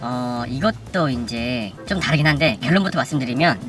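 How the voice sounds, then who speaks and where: A man around forty, his voice disguised with a pitch shifter, calmly explaining construction costs with rough figures in an anonymous interview. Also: normal speed, recorded from a distance, loud music behind the voice. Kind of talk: interview answers.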